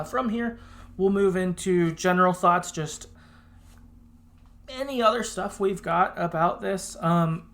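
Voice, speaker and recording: A man co-hosting a podcast talks casually and reflectively about video games in a conversational way. His voice sits on the high side with a fairly bright tone.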